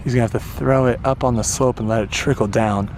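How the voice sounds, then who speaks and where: A man's voice: mid-range voice, steady tone, quick pace, a little mellow. Guy calling golf shots on the course, easygoing play-by-play for the viewers, faint traffic and outdoor hum behind. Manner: chatty, explains shots to viewers. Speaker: golf vlog host. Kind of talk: casual on-course golf commentary.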